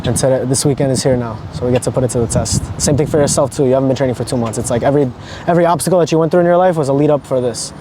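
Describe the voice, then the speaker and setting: A man's voice: mid-range voice, very fast, hardly any pauses, noisy background. A man in his twenties talking casually and earnestly to a vlog, in a motivational way with some casual swearing. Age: 20s. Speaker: vlogger, amateur runner.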